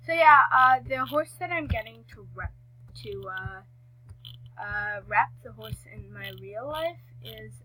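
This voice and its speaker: Woman gaming vlogger, bright slightly high voice, rambly casual commentary, keeps cutting herself off. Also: expressive, slow pace, poor audio. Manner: rambling, self-correcting, many fillers.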